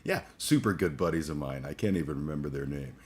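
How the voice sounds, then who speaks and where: A man's voice: a bass voice, lively intonation, darkish tone. A man in his forties hosting a casual livestream chat, groggy after a late night and rambling with fillers, restarts and cursing. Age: 40s. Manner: halting, many fillers and restarts, profane. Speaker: livestream host.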